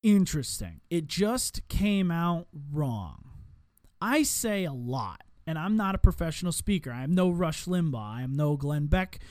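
A man's voice: on the high side, sing-song, normal speed, hardly any pauses, darkish tone, no room sound, clean studio sound. A man hosting a podcast, delivering a rambling political commentary monologue with sarcastic asides. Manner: rambling and sarcastic, with mocking voices for opponents. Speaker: podcast host.

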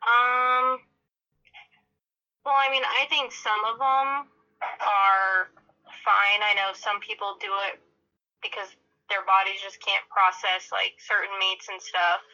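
Woman on speakerphone, dull phone sound, slow and unsure, lots of um and i mean. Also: medium pitch, steady tone, pushed and bright. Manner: hesitant, hedging with fillers. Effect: heard over speakerphone. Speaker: guest on call. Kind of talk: casual chat. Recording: tinny speakerphone line.

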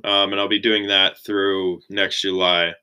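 A young man in his twenties chatting casually as an interview guest, relaxed and full of "like" fillers. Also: sits low, a little slow, clean tone, rough recording. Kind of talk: casual chat.

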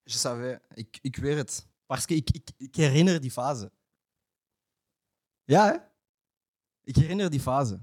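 A man with a Belgian Dutch accent hosting a football talk show in casual banter, excitable, repeating phrases and dropping in French slang. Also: mid-range voice, a little slow, pauses often. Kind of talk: animated casual chat with banter.

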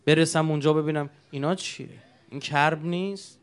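A man's voice: on the high side, fairly even intonation, clear, resonant tone. A man preaching a sermon, telling stories with emotion and asking the congregation rhetorical questions.

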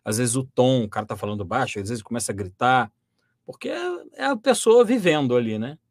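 A Brazilian man who works as a voice actor and dubbing director talks through his craft in a conversational interview. He explains in a lively way, full of restarts and fillers. His voice sits at an ordinary male pitch, recorded close and dry with little room sound. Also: brisk, no echo.

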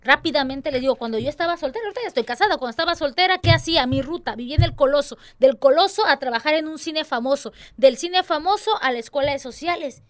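A young woman with a high, bright-pitched voice talks earnestly about serving in her church's tambourine dance ministry. She speaks expressively and slips into little voices when quoting others. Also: expressive, quick pace, hardly any pauses. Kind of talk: casual church talk interview.

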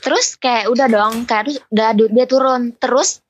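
A woman's voice: fairly high pitch, moderate pace, slight background noise. A young woman, a podcast guest telling a story casually and acting out what people said. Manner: chatty, recounts with quoted dialogue.

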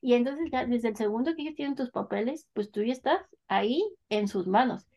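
A woman telling a personal story in an animated, casual way, laughing as she goes. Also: a little high, a little fast, muffled recording. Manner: animated, lively, laughs between phrases.

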